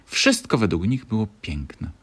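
A man narrating a children's bedtime story in a calm, expressive reading voice. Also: fairly low pitch, unhurried, husky.

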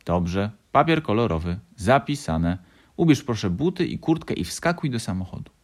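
A man voicing a calm, easygoing father fox in a storybook. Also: fairly low pitch, moderate pace.

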